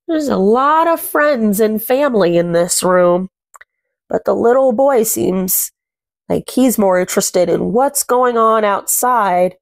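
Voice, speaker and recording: Reading a picture book aloud to small children in a small room at home, a young woman host uses expressive, sing-song phrasing and chats as she goes. Her medium-pitched voice has vocal fry and moves slowly, captured with studio quality and no echo.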